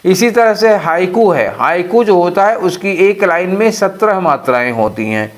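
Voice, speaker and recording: Man, high-pitched voice, English teacher, exam-prep lesson, asks and answers own questions. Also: expressive. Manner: slows way down to read out English phrases.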